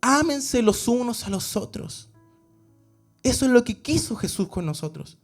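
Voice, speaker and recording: A man's voice: extremely high pitch, very animated, measured pace, soft background music. A man with a Chilean accent preaching an earnest, conversational sermon in a church, often acting out the voices of the people he quotes. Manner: earnest, acts out quoted voices, restarts words.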